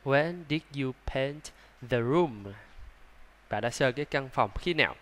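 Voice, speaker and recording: A man with a Vietnamese accent teaching English pronunciation, sounding out words slowly, repeating them and adding chatty asides. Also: medium pitch, animated. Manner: breaks into soft laughs and chatty asides. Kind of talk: slow, drawn-out pronunciation lesson.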